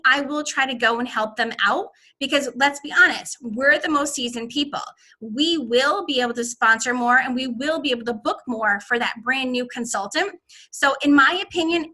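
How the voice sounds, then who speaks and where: A middle-aged woman casually giving advice to her sales team, animated, often acting out excited voices. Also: high voice. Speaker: direct sales team leader.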